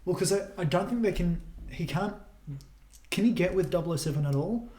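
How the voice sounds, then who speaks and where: A young man co-hosting a casual film chat, thinking aloud and giving his own opinions in a measured way. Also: high voice, expressive. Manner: measured, thinks out loud, offers personal opinions. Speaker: podcast co-host. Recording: roomy echo.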